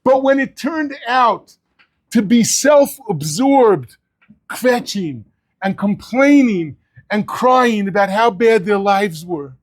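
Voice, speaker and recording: Rabbi guy talking torah to his students, fairly high voice, gets really animated on the big points. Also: slow pace. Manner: animated, voice climbs sharply when stressing a point; sprinkles Hebrew and Yiddish terms. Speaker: rosh yeshiva addressing his students. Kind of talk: weekly Torah talk.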